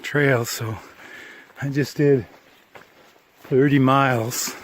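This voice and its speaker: A man's voice: mid-range voice, fairly even intonation, slow pace, a little hiss or hum. A tired man filming himself at the end of a long hike outdoors, talking in a rambling, self-correcting, plain way as a casual trail diary. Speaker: hiker filming a trail vlog.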